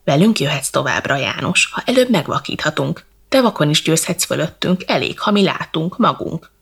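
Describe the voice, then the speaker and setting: A woman's voice: low-pitched, very animated, creaky, husky, full character voice. Woman doing cruel mocking elder princes. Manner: mocking, threatening.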